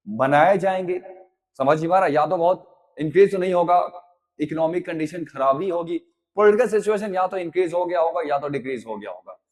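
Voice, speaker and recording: High-voiced teacher in an echoey room. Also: male voice, darkish tone. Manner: mixes Hindi and English, calls students 'beta', keeps checking "haan ya na?". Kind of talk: classroom history lesson. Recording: long reverb, echoey room.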